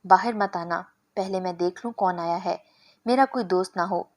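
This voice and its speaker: A woman's voice: on the low side, lightly acted. A woman voicing a pushy, coaxing young male suitor in a spoken story. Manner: persuasive, insistent.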